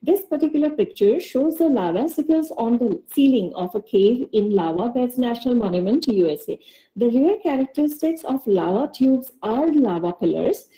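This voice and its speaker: Woman, indian english accent, online slide lecture, very bright clear voice, fairly high, computer mic on a video call. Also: lively intonation, poor audio. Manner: measured, with occasional fillers and restarts.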